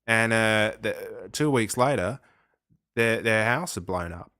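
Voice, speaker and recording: A man voicing a boastful Australian salesman who buries chimpanzees, rambling through made-up chemistry in a low, bright voice. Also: slow pace, no room sound, clean studio sound. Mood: bluffing salesman. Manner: rambling, sales-pitch bluster with fake chemistry.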